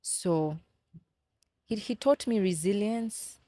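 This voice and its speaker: A Kenyan woman in her thirties, appearing as a podcast guest, tells personal stories earnestly and reflectively, often repeating words as she searches for them. Her mid-range voice is warm and slow, in a dry recording.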